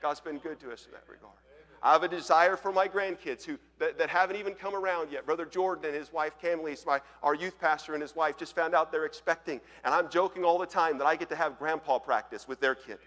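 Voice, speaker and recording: In a church, a Coloradan preacher in his forties delivers a storytelling, conversational sermon that moves between loud and quiet. He talks fast at a fairly high pitch, with a long reverb tail trailing his words.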